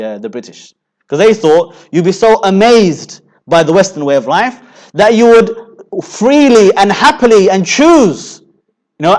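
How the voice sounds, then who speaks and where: A man preaching in a religious lecture with a notably high-pitched voice for a man. He argues rhetorically, circling back on phrases and leaning on "you know" between points. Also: a little mellow. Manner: rhetorical, repeats himself with many "you know" fillers. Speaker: Islamic preacher.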